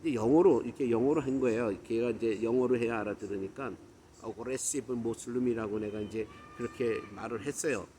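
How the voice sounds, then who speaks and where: Animated man telling a story. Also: fairly quick, slight background noise. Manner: animated, mixes English words into his talk; acts out quoted lines with louder, higher bursts. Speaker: YouTuber telling a personal story. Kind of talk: casual storytelling monologue.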